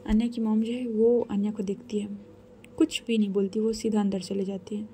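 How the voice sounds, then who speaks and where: A woman's voice: medium pitch, little pitch movement, normal speed, warm tone, a little hiss or hum. A woman narrating a romance story in a casual, conversational way. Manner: conversational, retelling with fillers.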